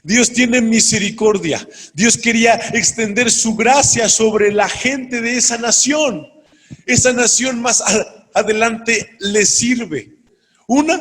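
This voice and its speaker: A man's voice: high voice, a bit bright. A man preaching a sermon, reading scripture aloud and explaining it earnestly to his congregation. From Mexico. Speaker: pastor. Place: church hall. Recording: long hall reverb.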